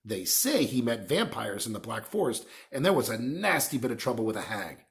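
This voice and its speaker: A man voicing a gruff, friendly giant with rustic, colloquial speech in a storybook reading. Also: medium pitch, sing-song, a little fast. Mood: chatty, booming.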